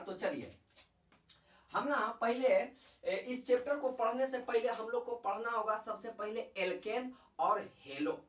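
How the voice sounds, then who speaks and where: A man's voice: high voice, fairly bright tone, distant mic. Bihari guy teaching chem, voice jumps all over, kinda roomy and off mic. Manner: chatty, repeats and quizzes the viewer, mixes in dialect. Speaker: chemistry teacher. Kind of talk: casual classroom lecture.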